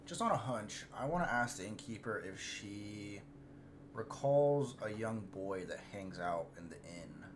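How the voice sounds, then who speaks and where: A man's voice: fairly low pitch, measured pace, slight background noise. A man playing a tabletop game, speaking hesitantly with many fillers. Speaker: player. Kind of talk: casual tabletop play.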